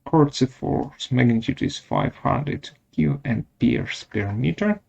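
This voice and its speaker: A man presenting a step-by-step software tutorial in short, halting instructional phrases, with a gravelly voice. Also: medium pitch, animated, highs cut off.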